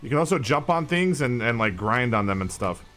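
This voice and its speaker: A man's voice: medium pitch, lively intonation, a little fast, fairly bright tone, soft background music. A man streaming, chatting casually and swearing as he gives a guided tour.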